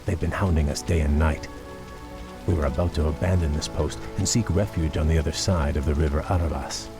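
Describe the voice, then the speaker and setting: An actor playing a courteous, weary young elven prince in a fantasy video game, speaking in a formal, measured way. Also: male voice, rumbling low, fairly even intonation, music in the background. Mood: wary, courteous. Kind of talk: dramatic video game cutscene acting.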